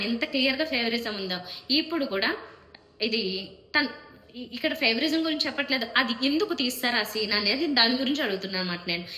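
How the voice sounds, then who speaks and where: A woman's voice: a little high, pushed and bright, roomy sound. A woman reviewing a reality show in an opinionated monologue, firing off indignant rhetorical questions one after another.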